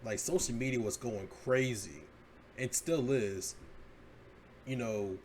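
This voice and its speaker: A man's voice: mid-range voice, takes it slowly, darkish tone, a little hiss or hum. A man hosting a podcast, reading out news headlines and commenting on them casually with loose, laid-back swearing. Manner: laid-back, swears and laughs at his own jokes. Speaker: podcast host.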